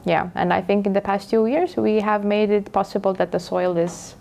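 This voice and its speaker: A woman's voice: mid-range voice, moderate pace, creaky, darkish tone. A woman from Estonia, a native Estonian speaker, introducing herself as a guest speaker in a hesitant way with many fillers. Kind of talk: casual lecture introduction.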